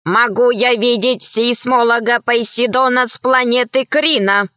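A woman's voice: a little high, measured pace, bright, forceful tone, no room sound, clean studio sound. A woman voicing a polite male robot messenger who speaks formally and courteously.

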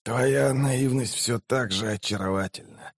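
A man voicing a dying male mage who speaks quietly, slowly and with a wheeze. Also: fairly low pitch, breathy edge, no echo, clean studio sound. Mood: weak, sly.

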